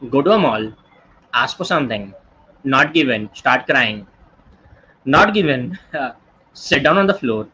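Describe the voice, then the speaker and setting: Teaching an online workshop, a man in his twenties with an Indian English accent tells stories in a chatty way, peppering them with tag questions like "right?" and "okay?". His mid-range voice sounds sharp, and the lo-fi recording carries a little hiss or hum.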